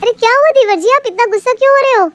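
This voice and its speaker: A woman voicing a polite young daughter-in-law who keeps quiet but mutters her complaints. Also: very high voice, very fast, a little hiss or hum, pitched above the performer's own voice. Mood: concerned.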